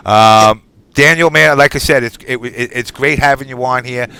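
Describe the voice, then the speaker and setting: A man's voice: medium pitch, moderate pace, gravelly, bright, forceful tone, smooth. A man hosting a live online talk show in an informal, rambling way. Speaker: show host.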